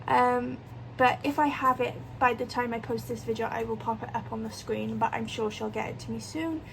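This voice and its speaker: A British woman talks in a casual, chatty vlog style. Her voice sits a little high and often crackles with vocal fry. A fan hums faintly behind her as she speaks. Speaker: colouring channel host. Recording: clear fan noise behind voice. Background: electric fan.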